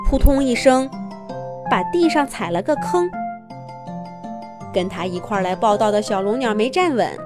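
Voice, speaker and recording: A woman narrating a scripted story for young children in an expressive, dramatic, clearly phrased way. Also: a little high.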